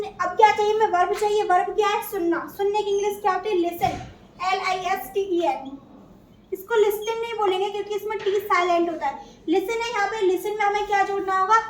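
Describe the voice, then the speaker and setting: A woman with an Indian accent teaches an English grammar class, posing questions and then answering them herself. Her voice is very high-pitched and far from the mic, in an echoey room with faint noise.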